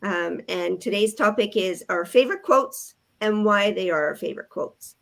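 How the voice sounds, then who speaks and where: A woman's voice: mid-range voice, moderate pace, gravelly, a bit bright. An older woman from Canada hosts a casual group video call in a friendly, organized way. She keeps things moving and reads short passages aloud. The sound is a typical video-call mic. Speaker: host.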